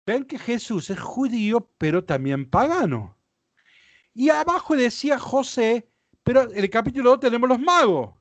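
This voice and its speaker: A man teaching a Bible lesson from slides, explaining step by step and often asking his listeners whether it is clear. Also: very high voice, big pitch swings, normal speed, dry recording. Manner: explanatory, checks understanding with questions. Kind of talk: lecture with slides.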